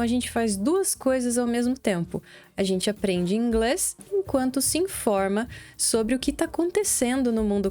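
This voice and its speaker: Brazilian teacher lady, bit high voice, online english lesson, slows way down to sound out words. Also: a little mellow. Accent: Brazilian Portuguese. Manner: explains patiently, spells out English words slowly syllable by syllable.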